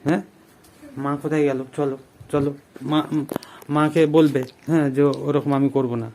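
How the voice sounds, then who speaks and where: A man playing a father in a family vlog, coaxing and gently lecturing his daughter. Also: on the high side, flat delivery, moderate pace, slight background noise. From Bengal. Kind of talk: scripted family drama vlog.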